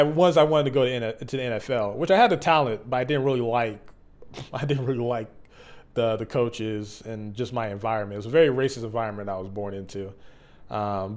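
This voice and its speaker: A man in his mid twenties talking candidly and off the cuff as a video creator, earnest and reflective, halting and conversational with slang. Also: mid-range voice. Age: mid 20s. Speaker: YouTube content creator. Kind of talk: candid, unscripted personal vlog.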